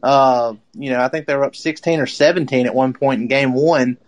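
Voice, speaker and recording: A man's voice: mid-range voice, steady tone, fairly quick. Chatty male sports podcast host. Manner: rambling, many fillers and restarts. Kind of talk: casual sports talk.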